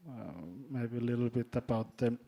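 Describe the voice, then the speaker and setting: A man from Finland with a Finnish accent, speaking as a panelist in a hesitant way, often repeating words and filling pauses. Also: mid-range voice, monotone, dark tone. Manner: halting, repeats words, many fillers. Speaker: panelist, drone company executive. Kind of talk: panel discussion.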